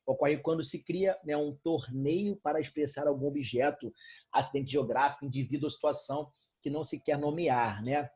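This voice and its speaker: A man's voice: on the high side, normal speed, darkish tone, slightly rough. A Brazilian man teaching an online class from a bedroom at home, talking casually and checking in with "né?" and "tranquilo?". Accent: Brazilian Portuguese. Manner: casual, fillers like "né, cara?" and "tranquilo?".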